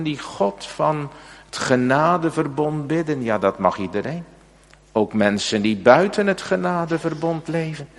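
Slow-preaching pastor in a reverberant church. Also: male voice, on the low side. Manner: earnest, emphatic preaching with rising fervor. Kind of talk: sermon.

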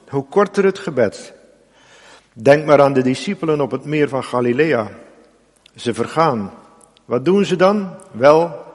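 Preacher, male, slow and earnest, fairly high voice, church reverb. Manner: slow, earnest preaching with emphatic rising appeals. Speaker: pastor. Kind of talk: sermon.

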